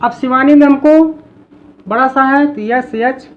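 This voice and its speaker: A woman with a high voice teaches in a patient classroom style. She repeats each example word slowly, drilling it. The recording sounds dull and lo-fi. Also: steady tone.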